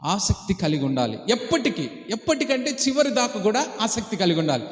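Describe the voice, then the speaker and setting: A man's voice: sits high, sing-song, a little fast. A man preaching as a pastor, asking rhetorical questions and urging the congregation to answer aloud. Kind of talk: Telugu sermon on fasting prayer. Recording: echoey church hall reverb.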